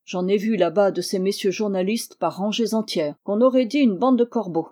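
A woman voicing a suspicious, gruff giant male gatekeeper in an audiobook, with coarse, slangy speech. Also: medium pitch, moderate pace, mellow, close to an everyday voice.

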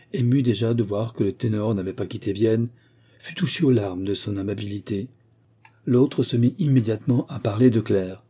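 A man narrating a novel as a scripted audiobook, in a measured, even manner. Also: on the low side, slightly rough.

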